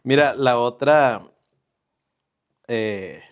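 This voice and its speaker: A man, sharing a personal testimony in earnest, unhurried conversational storytelling. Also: mid-range voice. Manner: earnest, unhurried, with pauses and reenacted dialogue.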